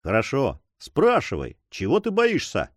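A man doing a quiet, dignified old governor. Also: mid-range voice, wildly swooping pitch, measured pace, no room sound, clean studio sound. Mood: gentle. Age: older. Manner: quiet, patient, gently sad.

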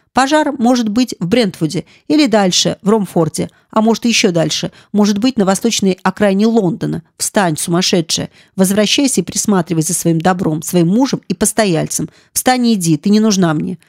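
A woman's voice: mid-range voice, darkish tone, dry recording, studio quality, lightly acted. A woman doing a cold, ruthless noblewoman. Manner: cold, harsh, commanding. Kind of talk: audiobook dialogue.

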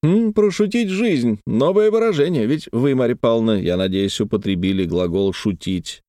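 A man's voice: mid-range voice, normal speed, no room sound, clean studio sound, natural voice. A man doing a teasing, ardent young nobleman. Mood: playful, ardent. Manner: animated, teasing, lilting. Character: playful, talkative young nobleman in love.

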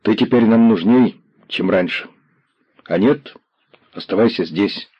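A man's voice: fairly low pitch, a little slow, slightly rough, dry recording, dull audio. A man voicing a stern male revolutionary commissar who speaks hard and clipped.

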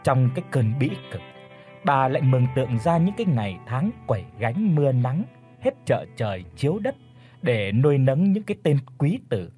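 A man's voice: medium pitch, big pitch swings, normal speed. A man narrating a dramatic audio story in a mournful tone. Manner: mournful, chanting verse at the start. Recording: soft instrumental music underneath.

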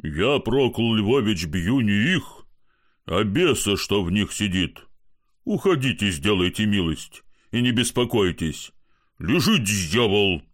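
A man voicing a rough, threatening barber in a storybook reading, commanding and menacing. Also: lowish voice, lively intonation, takes it slowly. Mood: stern. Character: gruff, menacing male barber, rough and bullying.

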